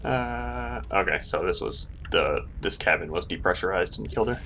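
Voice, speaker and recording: Expressive and sharp in tone, a deep male voice at normal speed narrates his gameplay casually, with wry explanations and gentle jokes. Clear game noise, including sound effects and vehicles, plays in the background.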